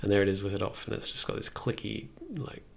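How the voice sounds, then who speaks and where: He's a fast talker in his thirties, with a low-leaning, gravelly, creaky voice and a level tone. While producing music on a livestream, he thinks aloud in a casual, hesitant way. Behind him are faint noise and the sound of keys and mouse clicks.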